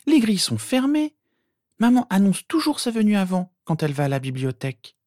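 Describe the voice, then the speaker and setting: A man voicing a skeptical, teasing teenage girl with sharp retorts. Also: high-pitched, sing-song, fairly quick, no echo, studio quality, voice pushed up. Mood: mocking. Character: mocking skeptical teenage girl, Harry's sister.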